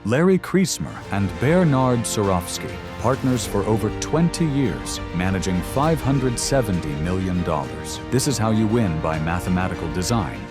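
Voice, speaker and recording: A man reading a dramatic promo voice-over in a slow, emphatic, loud delivery. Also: lowish voice, very animated. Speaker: trailer announcer. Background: guitar music.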